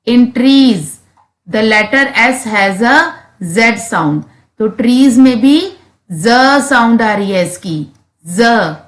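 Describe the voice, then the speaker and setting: Slow, echoey Indian woman teacher. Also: on the high side. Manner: reads English lines slowly, then explains them in Hindi. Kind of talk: textbook lesson explanation for children. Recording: echoey room.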